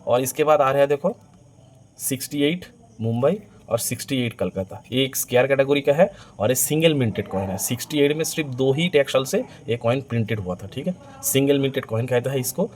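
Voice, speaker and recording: A man's voice: mid-range voice, lively intonation, fairly quick, a little mellow. A man presenting items for sale in an eager, repetitive teleshopping-style hard sell. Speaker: online coin seller presenting stock. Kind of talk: sales pitch to camera for video viewers. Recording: clearly noisy amateur recording with ambient sound.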